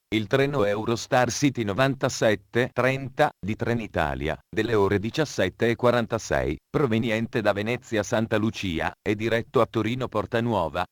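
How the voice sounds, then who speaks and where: A man delivers train station announcements in a formal, measured manner. His voice sits low. The recording is dry, with no room sound. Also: no echo.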